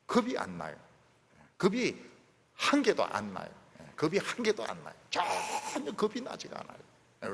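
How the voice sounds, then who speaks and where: A middle-aged male pastor preaching an animated sermon, repeating phrases for emphasis. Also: medium pitch, creaky, long reverb tail.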